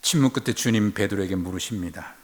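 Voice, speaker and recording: A man delivers a sermon at a measured, reflective pace in a mid-range voice. He lets his voice sink almost to a whisper in quiet moments. Then he rises sharply to loud, emphatic declarations. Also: medium pitch, expressive. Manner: dramatic swings from hushed, near-whispered passages to loud emphatic lines. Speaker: pastor.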